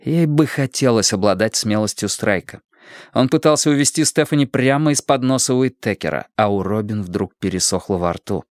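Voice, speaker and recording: A man narrating an audiobook in an expressive reading voice. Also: fairly low pitch, normal speed, no room sound, studio quality.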